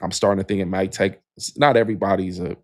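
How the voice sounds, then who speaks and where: Low-voiced man chatting about basketball. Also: fast talker, no room sound, clean studio sound. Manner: relaxed, rambling, frequent "you know". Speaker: podcast co-host. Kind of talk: casual sports podcast chat.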